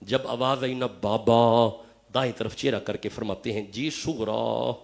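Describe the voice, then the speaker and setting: A man preaching an impassioned sermon at a mosque gathering, moving between hushed storytelling and loud declaiming. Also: medium pitch, steady tone, creaky.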